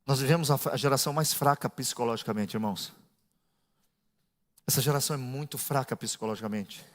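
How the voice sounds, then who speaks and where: A middle-aged male pastor preaching a sermon, dropping to low asides and building to shouted, half-sung climaxes. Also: fairly quick. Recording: echoey church hall.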